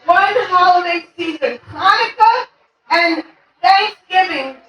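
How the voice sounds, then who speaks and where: A woman's voice: very high voice, animated, takes it slowly, a bit bright. An older woman doing a stand-up comedy set, with a brash, punchy delivery and sing-song emphasis. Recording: echoey room from far off, crowd noise.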